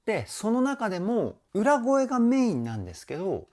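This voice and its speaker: A man's voice: high-pitched, wildly swooping pitch, moderate pace, a little mellow. A man working as a vocal coach, explaining a song's technique with eager, frequent praise. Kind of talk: song analysis commentary.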